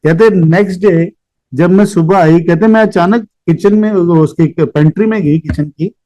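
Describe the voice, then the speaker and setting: A man's voice: sits high, measured pace, dark tone, dry recording, poor audio. Earnest middle-aged man telling devotional story. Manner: earnest, repeatedly addresses listeners respectfully; mixes English words into his speech. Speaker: devotee sharing a personal story. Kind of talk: devotional testimony, casual storytelling.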